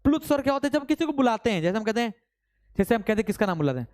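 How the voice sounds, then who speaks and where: A man teaching a live online grammar class, constantly quizzing his students with quick repeated questions and urging them to answer fast. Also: very high-pitched, big pitch swings, a little mellow. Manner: urges students to answer fast, mock-scolding; reads out student names from chat.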